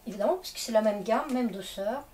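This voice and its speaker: A woman's voice: fairly high pitch, lively intonation, brisk, dark tone, recorded from a distance. A woman teaching a grammar lesson in a casual, chatty way, often checking in with her students to encourage them. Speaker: Russian teacher.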